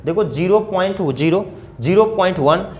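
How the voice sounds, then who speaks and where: A man's voice: sits high, expressive, normal speed. A man teaching a math lesson to children, patiently repeating numbers step by step and asking them questions.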